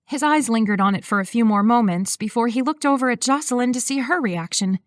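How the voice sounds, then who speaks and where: A woman's voice: on the high side, fairly quick, dry recording. Woman narrating a sweet romance, dry sound. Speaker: audiobook narrator. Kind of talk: scripted narration.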